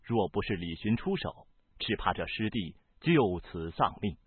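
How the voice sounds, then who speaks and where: A man narrates a novel in a husky, breathy voice, his pitch rising and falling with the drama. The sound is dry and tinny, like a phone line. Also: a little slow, no room sound. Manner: expressive, varied storytelling delivery. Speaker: audiobook narrator.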